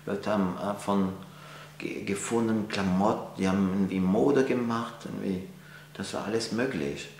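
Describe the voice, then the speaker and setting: Being interviewed in an art gallery, a man in his forties from France speaks German with a French accent, full of fillers and restarts. He's a painter whose fairly low, creaky, slightly mellow voice holds a fairly even intonation at a moderate pace. The indoor recording is echoey with a faint hum.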